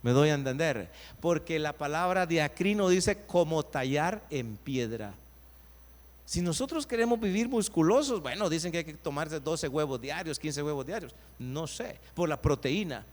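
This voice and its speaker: A man, a pastor preaching a sermon, putting rhetorical questions to his congregation and swinging between loud emphatic lines and quiet low asides. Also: lively intonation, moderate pace. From Guatemala. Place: church sanctuary. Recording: long reverb of a church hall.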